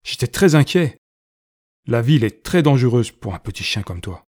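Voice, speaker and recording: Storybook dog owner, frantic and loving, man voices him, raised and husky. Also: mid-range voice, big pitch swings, moderate pace, dry recording, studio quality. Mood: worried. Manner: loud relieved exclamations.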